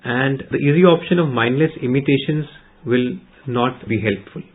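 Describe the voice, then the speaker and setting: A man with an Indian accent presenting in a news discussion, summarising a speech in a measured, explanatory way. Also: mid-range voice, narrow, tinny audio.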